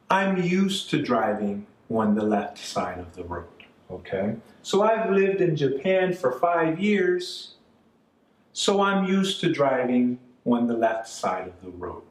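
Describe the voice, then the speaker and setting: A man's voice: fairly high pitch, sing-song, slow pace. A man from Canada, middle-aged, teaching an English grammar lesson, patiently repeating points and checking in with "okay?" and "right?". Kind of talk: classroom-style grammar lesson. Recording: echoey room, mic at a distance, faint music.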